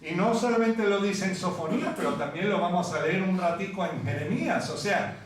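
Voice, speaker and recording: A man from Venezuela preaching a sermon in a conversational, unhurried way and singing scripture passages in a church hall. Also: high-pitched. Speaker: pastor. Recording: echoey room from far off.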